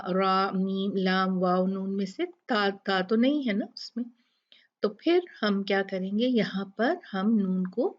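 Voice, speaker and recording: A woman's voice: medium pitch, lo-fi sound. A woman teaching Quran recitation rules, patiently breaking words into syllables and repeating them. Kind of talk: tajweed lesson with slow recitation.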